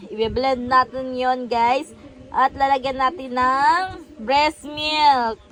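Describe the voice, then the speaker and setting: A woman's voice: high-pitched, fairly even intonation, slow, a bit bright, rough recording. A young woman, a mother cooing and playing in baby talk while vlogging her baby's first meal. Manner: cooing, playful, laughing baby talk mixing Tagalog and English. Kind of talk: home vlog baby talk.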